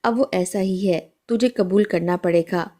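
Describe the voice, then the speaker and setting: A woman's voice: medium pitch, mellow. A woman telling a sad first-person story in a somber, scripted narration.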